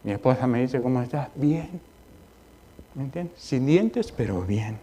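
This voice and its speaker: A man's voice: animated, measured pace, slight background noise. A male pastor preaching a sermon in a conversational style, mixing personal stories with exhortation and often asking his listeners if they understand. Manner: rises high and loud in exhortation, drops quiet in storytelling. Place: church sanctuary.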